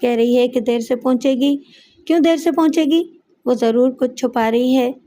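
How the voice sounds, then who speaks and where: A woman voicing a suspicious, sharp-tongued middle-aged mother who scolds and threatens in an audiobook story. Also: sits high, normal speed, close to an everyday voice. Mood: scolding. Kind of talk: audiobook character voice.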